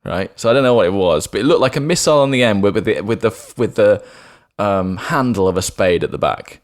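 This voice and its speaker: A man on a casual podcast with a lowish voice. He tells a story in a rambling way, full of little restarts and fillers. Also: lively intonation. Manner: rambling anecdote teller, halting restarts. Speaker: podcast co-host. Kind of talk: casual chat.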